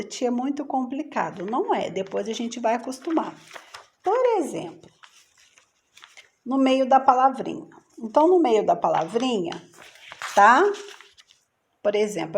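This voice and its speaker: A Brazilian woman teaching young children a spelling rule in a patient, sing-song teacher voice. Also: medium pitch. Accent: Brazilian Portuguese.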